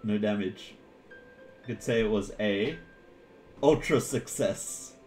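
A man co-hosts a casual podcast while he plays a game. His voice sits a little low, and he stays relaxed and wry as he comments on each move. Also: slow pace, a little hiss or hum. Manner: laid-back, jokey, commenting on his own play. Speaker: podcast co-host playing a game.

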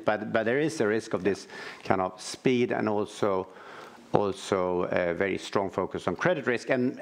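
A middle-aged man speaking as a financial supervisor on a conference panel, halting often with restarts and repeated words. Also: fairly low pitch, vocal fry. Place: large auditorium stage with audience.

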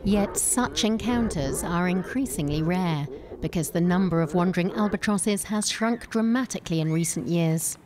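Low-voiced woman narrating nature documentary over music. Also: normal speed. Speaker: report narrator.

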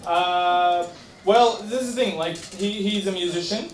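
A man's voice: high-pitched, measured pace, far from the mic. A man acting as emcee, giving an offhand, teasing introduction to the next comedian. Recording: roomy, noisy room from off-mic.

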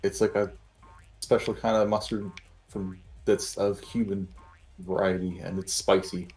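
A man's voice: sits low, flat delivery, measured pace, a little mellow, faint music behind. Laid-back, hesitant young man. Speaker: co-player. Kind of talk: casual chat while playing.

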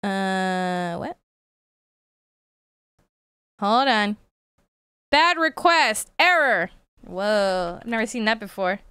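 A young woman streaming live, chatting casually with viewers, playful and quick to swear and laugh. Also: mid-range voice, lively intonation, sharp tone, clean tone, no echo, clean studio sound. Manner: playful, swears and laughs often, reads chat aloud. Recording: music playing behind voice.

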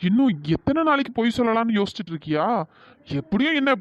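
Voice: mid-range voice, very animated, fast talker, no echo, natural voice. A lovestruck young man in a cartoon, pressing for an answer and groaning when he is thwarted, as a performer voices him. The sound is dry and a little dull and lo-fi. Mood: insistent. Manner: insistent, teasing, exasperated.

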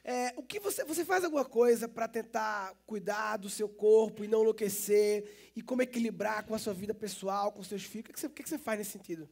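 A man hosting an interview, relaxed and asking long, rambling questions. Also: sits high, brisk, vocal fry, hardly any pauses. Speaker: host, interviewer. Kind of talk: casual interview.

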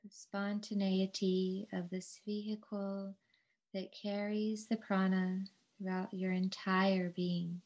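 A woman yoga teacher leading a guided relaxation in a calm, soothing, measured way, with long pauses between phrases. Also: mid-range voice, muffled recording.

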